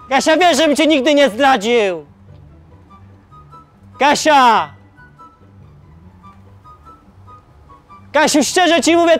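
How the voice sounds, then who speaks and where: A young man stands outdoors under apartment blocks and shouts desperate pleas up at the windows. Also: extremely high pitch. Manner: shouting, pleading, mock-desperate. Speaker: prank video host.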